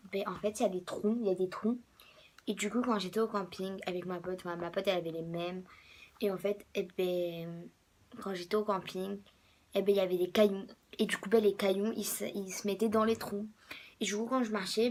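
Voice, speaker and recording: Hoarse young woman rambling. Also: medium pitch, a little mellow, a little hiss or hum. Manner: rambling, many fillers, drops to whispers. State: hoarse, a bit sick. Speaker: vlogger. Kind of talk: casual sneaker show-and-tell.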